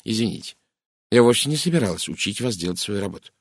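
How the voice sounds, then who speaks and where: A man's voice: on the low side, lively intonation, fast talker, no echo, studio quality. A man voicing a stern, brusque middle-aged Englishwoman in an audiobook, speaking curtly and bluntly. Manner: curt, blunt, disapproving. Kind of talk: audiobook character reading.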